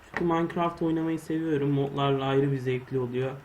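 A young man casually commenting on his own gameplay, muttering to himself and swearing or shouting when startled. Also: mid-range voice, steady tone, brisk, rough recording. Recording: faint background noise.

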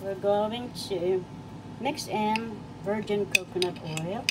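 A woman's voice: medium pitch, slow pace. An older woman from the Philippines, cheerfully talking through a home cooking demonstration and listing each ingredient. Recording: home recording with audible background noise.

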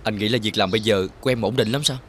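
A man's voice: fairly low pitch, very fast, fairly bright tone, slight background noise, lightly acted. A young man acting as a bitter brother who talks in a cold, resentful tone in a TV drama.

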